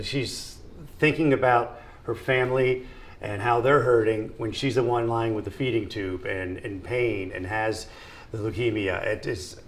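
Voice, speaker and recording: Guy interviewing someone on a telethon, keeps restarting his sentences, really gushing. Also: mid-range voice. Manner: halting, with frequent restarts and fillers; openly admiring and effusive. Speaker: telethon host interviewing a guest. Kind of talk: casual interview.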